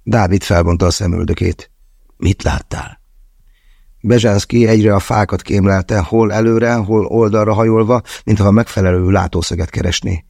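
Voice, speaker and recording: A man's voice: lowish voice, steady tone, vocal fry, a little mellow, no echo, studio quality. A man narrating a first-person novel as an audiobook, wry and conversational in his storytelling.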